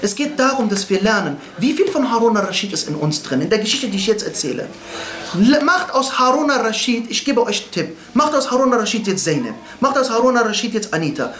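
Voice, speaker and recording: A man's voice: high voice, big pitch swings, fairly quick, a bit bright, reverberant. A man giving a blunt, impassioned religious lecture, firing rhetorical questions and telling stories.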